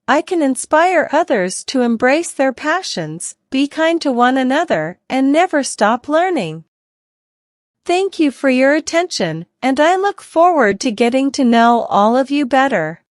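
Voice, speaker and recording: A female English teacher reads a scripted self-introduction as a model speech, slowly and clearly so learners can repeat it. Her voice sits high and her delivery is deliberate and evenly paced, in a dry, studio-quality recording.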